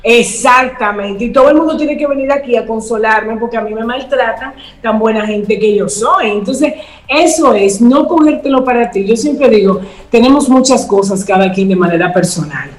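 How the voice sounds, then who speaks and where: A fairly high-pitched woman talks through advice in a relaxed, conversational way. She slips into little quoted exchanges, then slows down to drive a point home. Her voice carries an echo, like a bare room. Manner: acts out quoted dialogue, slows for emphasis. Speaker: guest speaker. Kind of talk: conversational advice on a talk show.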